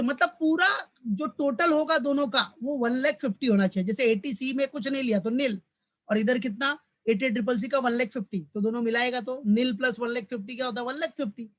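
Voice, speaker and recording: A man's voice: very high voice, fairly bright tone. Fatherly lecturer quizzing his students. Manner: repeats points and quizzes students with questions, then answers them himself; fatherly, addresses students as "beta". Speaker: college commerce lecturer. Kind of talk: recorded tax lecture in mixed Hindi and English.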